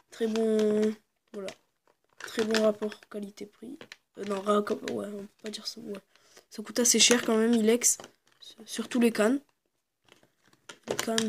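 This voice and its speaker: A woman casually presenting her fishing lures to the camera, hesitant and full of fillers, sometimes dropping into quiet asides. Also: on the high side, a little hiss or hum. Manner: hesitant, constant fillers and "voilà"; drops into quiet muttered asides. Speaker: fishing video maker.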